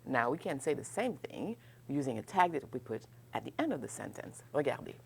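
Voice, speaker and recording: In a bilingual classroom grammar lesson, a woman with a bass voice explains French in English, modelling French questions with exaggerated rising intonation. Her delivery is sing-song and moderately paced, with vocal fry and a little hiss or hum. She often checks in with "ok?" and laughs lightly.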